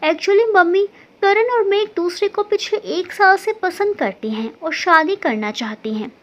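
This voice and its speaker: A cheerful, mischievous young daughter, as a woman narrator voices her in a family storybook tale, coaxing and playful. Her voice is very high and lively. The sound is dull and lo-fi. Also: measured pace, full character voice. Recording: dull lo-fi recording.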